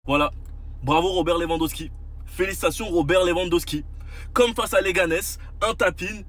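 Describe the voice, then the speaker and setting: A man's voice: high-pitched, normal speed, a bit bright. A man football fan ranting sarcastically, mocking a player's misses.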